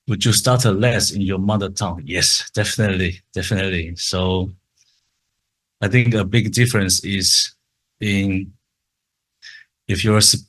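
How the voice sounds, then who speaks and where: Presenting at a conference, a Taiwanese man whose native tongue is Mandarin Chinese speaks English with a Chinese accent. His very low voice is a bit bright, his pace slow and careful, and he stutters by repeating words and initial sounds.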